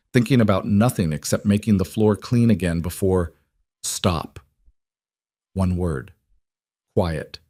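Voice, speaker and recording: Low-voiced man narrating a dark story. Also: no room sound, clean studio sound.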